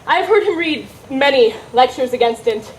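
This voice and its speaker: A woman's voice: high-pitched, animated, moderate pace, low-quality recording. A woman playing a witty, teasing young woman disguised as a saucy youth, in theatrical, hammy Shakespearean stage comedy style. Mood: playful, brisk.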